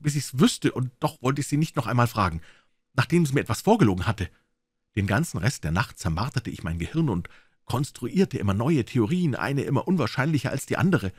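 A man's voice: medium pitch, slightly rough, dry recording. A man reading a classic detective story aloud as an audiobook, telling it dramatically in the first person on a close mic. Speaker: audiobook reader.

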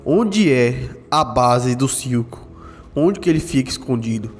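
A man, doing animated game roleplay full of slang and tough-guy banter. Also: medium pitch, unhurried, husky. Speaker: gamer doing roleplay as a gorilla's son. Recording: reverberant with faint background music.

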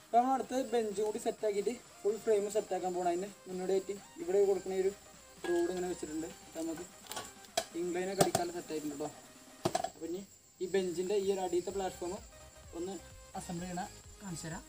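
With music in the background and a low-quality recording from a camera on a tripod some distance away, a young fitness vlogger explains how he builds a home workout bench. He's outdoors in a garden yard among banana trees, speaking quickly in a high, steady voice in a casual step-by-step style.

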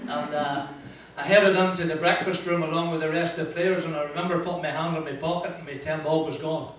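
An older Northern Irish man's voice, steady, on the high side and a bit bright, carries self-deprecating stories at a motivational talk, handheld mic in hand, in a large wood-panelled room. Chatty, he peppers his speech with "uh" pauses and laughs. He's recorded from a distance in an echoey hall, with a little hiss or hum.

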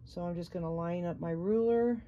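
A woman's voice: on the low side, moderate pace, phone-quality sound, a little hiss or hum. A middle-aged woman giving a casual sewing tutorial, chatty and encouraging as she thinks aloud while she works. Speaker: sewing instructor.

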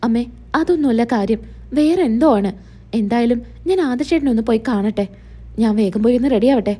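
A woman's voice: on the high side, brisk, dark tone, lightly acted. Woman reading as a worried young wife. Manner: anxious, pleading.

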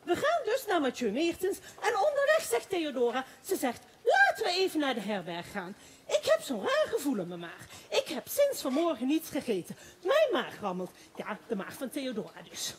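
Woman plays a high, lively, giggling gossip who rambles on breathlessly; amateur stage play with faint noise. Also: moderate pace. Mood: excited gossip. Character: excitable gossiping woman townsperson.

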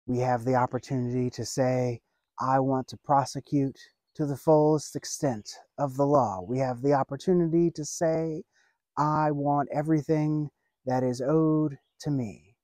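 A pastor in his thirties, seated by a lake, delivers an earnest outdoor sermon slowly, with long pauses, building his points in measured phrases. His mid-range voice is mellow, warm and steady in tone, picked up close and dry on a lapel mic.

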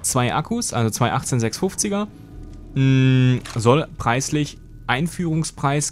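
A young man whose first language is German chats loosely with viewers while gaming on a live stream from his home gaming room. Through his headset mic comes a medium-pitched, darkish voice, with a little hiss or hum and faint game music beneath. He's chatty and rambling, reading chat aloud and replying.

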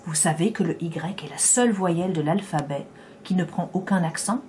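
A woman reading the part of a calm man obsessed with the letter Y, patient and quizzing. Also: on the low side, normal speed, slight background noise, close to an everyday voice.

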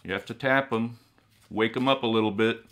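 A middle-aged man playing a ghoulish horror host, speaking in a drolly morbid, theatrical, drawn-out manner. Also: mid-range voice, a bit bright, close to an everyday voice. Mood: theatrically solemn. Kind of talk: comic horror-host monologue to viewers. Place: small indoor room with collectible shelves.

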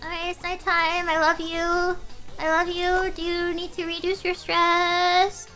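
A woman's voice: extremely high pitch, completely flat delivery, unhurried, pushed and bright, faint music behind. A young woman streaming a game in a casual, rambling way, often reading the game's lines aloud in a doting voice. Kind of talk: casual live game commentary.

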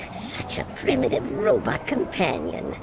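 An actor playing a pompous villainous alien emperor in a video game cutscene, with a theatrical, sneering, drawn-out delivery. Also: male voice, sits high, wildly swooping pitch, gravelly, background noise, heavily acted.

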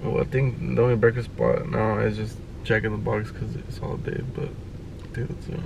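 A man's voice: fairly low pitch, little pitch movement, moderate pace, creaky, a little mellow, slight background noise. A young man in a car, bantering in a laid-back, teasing way with his partner. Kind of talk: casual banter.

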